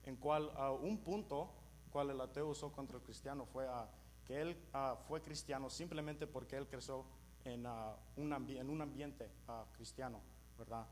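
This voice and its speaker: Young guy teaching at church, american accent in his spanish, gropes for words and mixes in english, humming noisy recording. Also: medium pitch. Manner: halting, searching for words, switches between Spanish and English. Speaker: church teacher at a youth service. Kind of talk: informal religious teaching to a congregation. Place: live in a church meeting. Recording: clearly noisy with mains hum.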